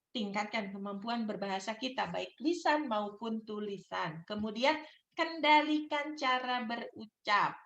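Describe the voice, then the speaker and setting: A woman's voice: a little high, a bit bright. A woman, a university lecturer giving a casual teaching talk in a chatty way, often adding "gitu ya" and English terms. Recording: dull lo-fi recording.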